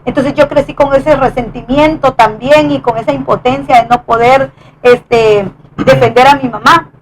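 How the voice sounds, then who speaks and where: High-voiced woman giving a halting testimony. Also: steady tone, a little hiss or hum, rough recording. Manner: earnest, halting with many restarts. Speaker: wife sharing testimony. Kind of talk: conversational testimony.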